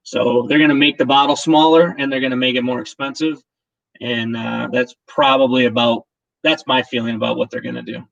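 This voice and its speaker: A man's voice: medium pitch, fairly even intonation, a little fast, gravelly, a bit bright, lo-fi sound. A man hosting a casual livestream, talking in a chatty, rambling way with many restarts. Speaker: livestream host. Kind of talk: casual chat.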